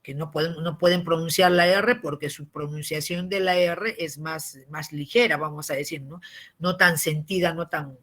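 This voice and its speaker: A man, giving a civics lesson as a teacher. He explains patiently, often tags his points with a question and clears his throat. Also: fairly high pitch, fairly even intonation, moderate pace, fairly bright tone.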